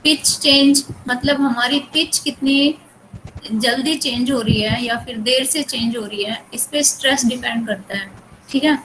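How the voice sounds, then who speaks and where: Indian woman lecturer, Hindi native, Indian English accent, high pitch, unhurried classroom delivery. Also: fairly bright tone, slight background noise, poor audio. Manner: reads English text slowly, then explains it. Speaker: college English teacher.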